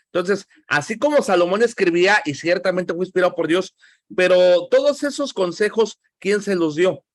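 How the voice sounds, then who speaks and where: Mexican man teaching a lively Bible class. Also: high-pitched, normal speed, no room sound, studio quality. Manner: conversational, asks the class questions.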